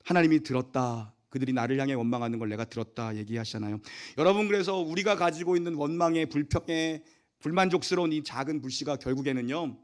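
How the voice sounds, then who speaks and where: A male pastor preaching a sermon in a church, animated, acting out voices and swinging from loud outbursts to quiet asides. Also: a little high, fast. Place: church sanctuary.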